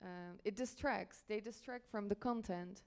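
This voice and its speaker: With a mid-range, clean, slightly mellow voice, a woman from the Netherlands talks a little slowly while presenting at a conference. She is a journalism editor on the panel, somewhat hesitant, pausing to rephrase as she goes.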